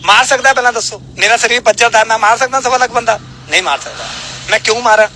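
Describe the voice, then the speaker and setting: A man's voice: extremely high pitch, fast talker, sharp tone, slight background noise, low-quality recording. A man answering in a street interview, preaching and firing rhetorical questions.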